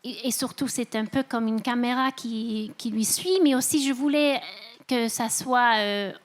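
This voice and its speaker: A woman's voice: a little high, fairly even intonation, a little slow. A woman novelist answering interview questions in non-native French with a foreign accent, searching for her words. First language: not French. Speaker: novelist, festival guest. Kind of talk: interview answers at a literary festival.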